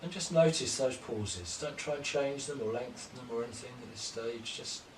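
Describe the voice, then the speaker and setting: A man leads a gentle yoga class, slowly cueing each breath and movement in a calm voice. He sits at an ordinary pitch, picked up by a distant mic in a reverberant room with faint background ambience. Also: a little hiss or hum. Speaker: yoga teacher. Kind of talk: guided yoga class instruction.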